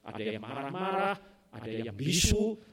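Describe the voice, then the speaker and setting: A man's voice: mid-range voice, normal speed. A man preaching a sermon, addressing the congregation with rhetorical questions, often tagging lines with a questioning "ya" and rising into sudden emphatic bursts. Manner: animated, sudden loud emphatic rises.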